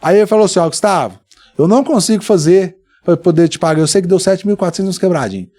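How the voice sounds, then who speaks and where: His voice is high-pitched yet dark in tone, fast and expressive. He's a Brazilian Portuguese-accented man guesting on a casual podcast, telling his story with energy and voicing the characters' lines.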